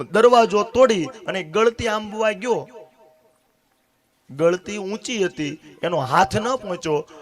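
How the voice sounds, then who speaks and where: A man preaching a devotional story sermon, acting out the dialogue and speaking straight to his listeners. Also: high-pitched. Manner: dramatic, acts out dialogue, addresses listeners directly. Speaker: katha storyteller.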